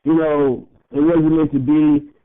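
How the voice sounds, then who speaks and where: A young man with a high voice co-hosts a casual podcast, rambling a little slowly in a level, clean tone. He swears freely and breaks into laughs between thoughts, and the audio sounds thin and tinny, like a phone line.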